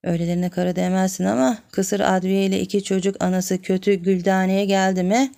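A woman's voice: mid-range voice, level tone, fairly quick, creaky, mellow, lightly acted. A woman voicing a jealous, demanding village woman who nags and accuses. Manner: nagging, accusing.

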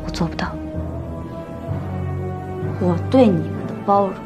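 An actress playing a lively young wife who imitates her husband and announces plans, over music. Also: mid-range voice, unhurried, natural voice. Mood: mocking. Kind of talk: TV drama acting. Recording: drama with strong music score.

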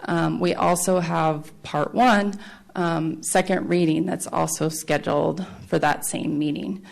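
A woman giving a formal, explanatory staff presentation at a public meeting, speaking haltingly with a creaky voice. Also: low voice, fairly even intonation. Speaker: city planning staff presenter.

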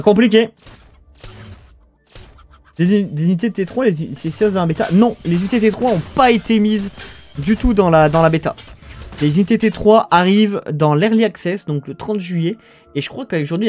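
Casually casting a strategy game match, a young French esports caster talks in a high voice with a darkish tone. He chats with his viewers in a loose live-commentary style, frequently trailing off and beginning his sentences over.

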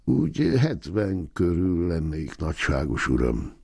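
A frail old ox driver in his seventies murmurs humbly to his master, as a man reading a story puts him on. The voice sits very low with a gravelly, husky grain. It is heard up close in a dry room. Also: sing-song, dark tone, no room sound, heavily acted. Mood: pleading. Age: 70s figure.

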